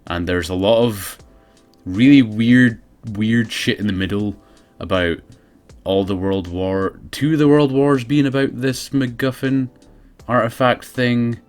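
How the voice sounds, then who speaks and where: A man's voice: mid-range voice, measured pace, faint music behind. A man giving casual, sardonic, sweary comedic commentary as a video game reviewer.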